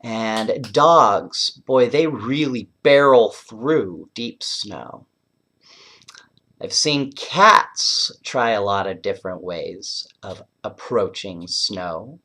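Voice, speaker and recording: This man tells children's stories, reading one aloud at bedtime and talking with the little ones, often putting questions right to them. His lowish voice is expressive and extremely slow.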